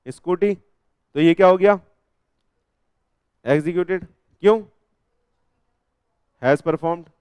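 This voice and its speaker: A man's voice: on the high side, slow, pauses often, a little mellow, clean tone, no echo. A young man with an Indian accent teaching a law revision class, constantly quizzing students and joking with them, mixing Hindi with English legal terms. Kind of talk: live classroom revision lecture.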